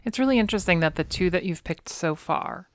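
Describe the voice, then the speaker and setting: A woman's voice: lowish voice, expressive, a little fast, no room sound, clean studio sound. A woman co-hosting a podcast, chatting casually with playful, enthusiastic asides. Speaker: podcast co-host. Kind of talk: casual chat.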